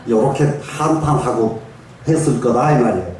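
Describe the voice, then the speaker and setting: A man's voice: medium pitch, animated, moderate pace, a little mellow, slight background noise. An older man, a Buddhist monk, giving a folksy sermon and telling stories, often asking his listeners for a reply. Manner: folksy storytelling, asks the audience for replies and chuckles. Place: large echoing meditation hall. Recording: distant mic in a very echoey hall.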